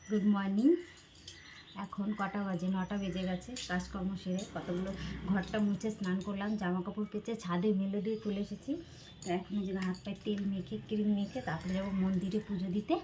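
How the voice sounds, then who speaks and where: A middle-aged woman with a hoarse voice from a cold, narrating a daily vlog as a chatty voice-over to her viewers. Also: medium pitch, warm tone, slight background noise. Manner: chatty, addresses viewers as friends. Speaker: vlogger.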